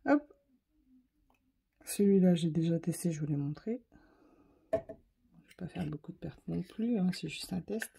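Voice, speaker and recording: A woman's voice: fairly low pitch, measured pace, gravelly, long pauses, mellow, breathy edge. A woman hosting a casual craft video, chatting straight to her viewers and poking fun at herself as she works. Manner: chatty, talks straight to viewers while working; self-mocking, light laughs. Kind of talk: casual demo chat.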